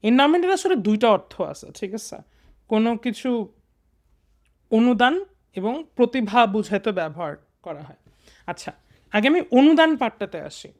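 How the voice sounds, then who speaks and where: A man's voice: extremely high pitch, big pitch swings, moderate pace, long pauses. Young Bangladeshi man tutoring patiently. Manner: patient, reads line by line and mixes English into explanations. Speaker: English tutor. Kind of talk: casual exam lesson.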